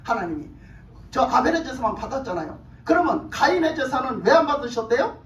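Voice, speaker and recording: A woman pastor preaching a sermon, emphatic and animated, putting questions to the congregation and often laughing. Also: sits high, a little fast. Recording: echoey hall from far off.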